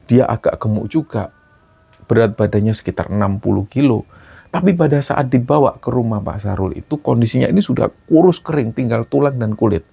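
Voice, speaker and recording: A man's voice: mid-range voice, creaky, breathy edge. A man narrating a supernatural story casually, in a conversational retelling. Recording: dull lo-fi recording.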